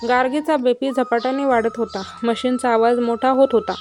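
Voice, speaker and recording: A woman's voice: on the high side, steady tone, normal speed, darkish tone, faint music behind. A woman narrating a devotional story in an earnest way, speaking directly to listeners as fellow devotees.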